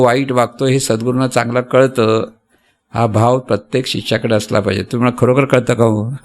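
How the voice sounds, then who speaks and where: A man with a Marathi accent giving a devotional sermon, teaching patiently, repeating points and asking the listeners rhetorical questions. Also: mid-range voice. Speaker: spiritual teacher.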